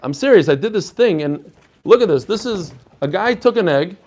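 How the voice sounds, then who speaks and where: A man's voice: high voice, lively intonation, moderate pace, darkish tone. Guy, rabbi explaining a text casually, lots of rhetorical questions. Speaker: rabbi teaching a daily Talmud class. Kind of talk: informal religious lesson, explaining a text aloud.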